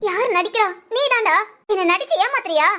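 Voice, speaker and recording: A woman's voice: very high voice, lively intonation, brisk, sharp tone, full character voice. A woman voicing a young village woman in a Tamil cartoon drama, emotional and fiery, pleading and scolding. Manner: pleading, sobbing, then scolding.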